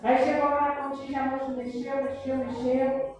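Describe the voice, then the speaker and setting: A middle-aged Brazilian woman tells her testimony with fervent emotion and often breaks in with praise. Her voice is high but mellow. It rings through a very echoey church hall, heard from a distance. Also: level tone, moderate pace, muffled recording. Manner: emotional, peppered with praise interjections. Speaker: church member giving testimony.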